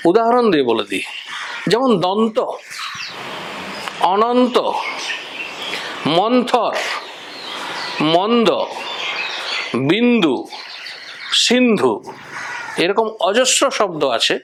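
A man explaining the letters and their sounds in a measured, step-by-step spoken lesson, listing examples one by one. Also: high-pitched, big pitch swings, noisy background. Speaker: teacher of Bengali script.

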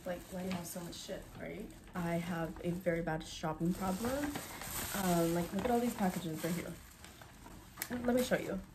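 A young woman in her twenties vlogs casually from her bedroom at night, holding a phone camera close. Congested after being sick, she speaks a little slowly in a lowish, steady voice, chatty and full of "like," sometimes whispering, with a noisy background.

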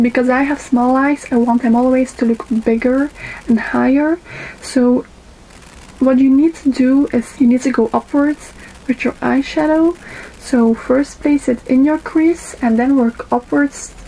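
A beauty vlogger in her twenties, native in Dutch and speaking with a Dutch accent, slowly does her makeup on a webcam in front of her in a small bedroom, with many ums and pauses. Her voice is high-pitched, steady, and mellow, captured in a rough recording.

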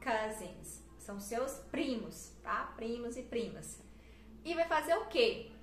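A Brazilian woman in her thirties teaching an English lesson in Portuguese, explaining patiently and slowing down for example sentences. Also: a little high, big pitch swings. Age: 30s. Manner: explains patiently, drawls example sentences slowly, ends phrases with "tá?". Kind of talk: casual online English lesson. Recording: echoey room with faint noise.

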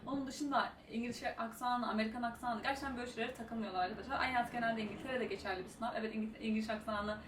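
Fast-talking young woman in a roomy echo. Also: a little high, fairly even intonation. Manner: fast-talking, chatty, many fillers. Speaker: IELTS tutor and YouTuber. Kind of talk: casual advice vlog. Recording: roomy echo, mic at a distance, faint room noise.

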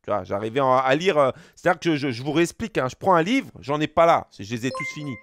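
Opening game packs on stream, a young man tells a long, wandering tall tale peppered with slang and mouth noises, right up on his desk mic. He talks fast and expressively in a mid-range voice, with no echo in the sound.

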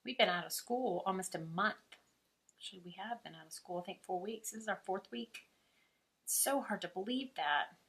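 A woman's voice: mid-range voice, animated, moderate pace, a bit bright. A woman from Alabama with a mild Southern accent, an art teacher chatting casually and laughing often as she paints. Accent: Southern American. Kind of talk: casual chat while painting.

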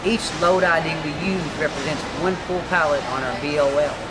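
A man's voice: on the high side, a little fast. A man giving a step-by-step walkthrough of warehouse operations, using workplace jargon, on a large warehouse floor. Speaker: warehouse supervisor. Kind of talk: on-site walkthrough explanation. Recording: loud warehouse machinery noise.

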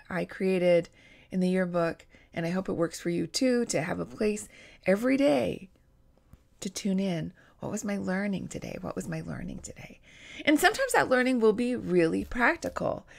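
A woman in her forties with a gravelly, mid-range voice talks casually to her webcam, set at desk distance, in a vlog addressed straight to camera. She's a creative coach in a home studio with bookshelves and string lights, warm and encouraging and gesturing animatedly with her hands.

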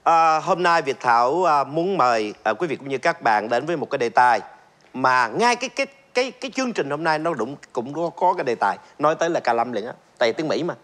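A man's voice: a little high, lively intonation, fairly quick, a bit bright. A middle-aged man, hosting a talk show in a chatty, joking way full of fillers and repeats. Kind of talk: casual stand-up style monologue.

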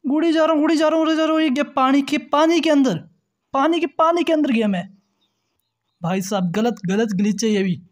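Excited man doing gameplay commentary. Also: very high-pitched, a little fast. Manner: excited, chatty, exclaiming. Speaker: mobile gaming channel host. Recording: game sounds under the voice.

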